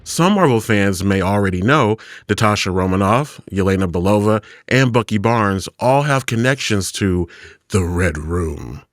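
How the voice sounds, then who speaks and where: A man co-hosting a scripted podcast, explaining things with dry, deadpan retorts. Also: lowish voice, normal speed, no room sound. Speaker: podcast co-host.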